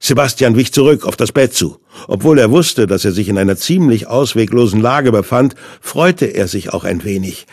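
Man, audiobook narrator, thriller, measured and suspenseful, husky voice, dry close recording. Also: fairly low pitch, animated, a little mellow, no room sound.

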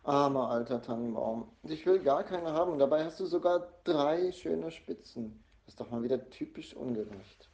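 A man's voice: on the high side, expressive, moderate pace, few pauses, a little mellow, dull audio. A man reading a storybook aloud and voicing a stubborn little boy with an insistent, raised voice. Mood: sulky.

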